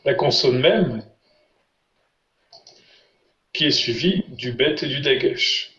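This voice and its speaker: A man's voice: medium pitch, takes it slowly, bright, forceful tone. A man teaching a language lesson, patiently quizzing his students. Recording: roomy, muffled lo-fi sound.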